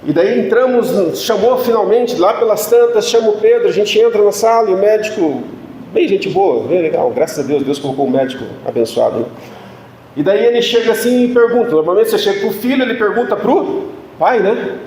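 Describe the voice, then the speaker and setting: A man's voice: high-pitched, fairly quick, a little mellow, a little hiss or hum. A man preaching a sermon as pastor, telling a humorous, self-mocking personal story. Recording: echoey room sound.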